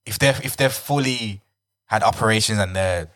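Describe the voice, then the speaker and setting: Male, slightly low register, London roadman accent, slangy casual chat. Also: normal speed, fairly bright tone.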